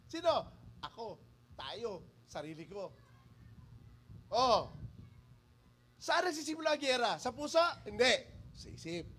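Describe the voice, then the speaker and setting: A male pastor with a Filipino accent delivers a sermon in a high, lively voice that swings up and down. He jokes with the congregation and calls on people by name. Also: slight background noise. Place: church.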